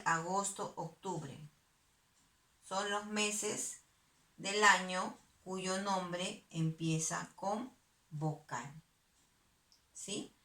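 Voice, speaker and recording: Slow, patient woman teaching a math class. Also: lowish voice, fairly bright tone, echoey room. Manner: slow, patient, asks and answers her own questions. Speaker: primary school teacher. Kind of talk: virtual math lesson.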